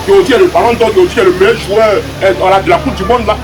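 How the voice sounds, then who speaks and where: Very high-voiced rambling pundit. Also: male voice, steady tone, racing, background noise. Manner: rambling, loses words, digressive. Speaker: football pundit. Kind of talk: casual debate commentary. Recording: music bed behind voice.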